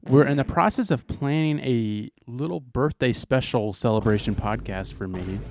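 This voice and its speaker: A man's voice: medium pitch, moderate pace, darkish tone, a little hiss or hum. A man in his twenties co-hosting a podcast in casual, joking chat. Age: 20s. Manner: joking, teasing. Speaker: podcast co-host.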